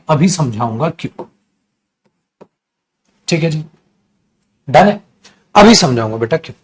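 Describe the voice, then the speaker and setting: A male teacher giving an animated grammar lecture to a class, talking fondly to his students and using dramatic emphasis. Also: fairly high pitch. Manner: animated, addresses students as beta, dramatic pauses.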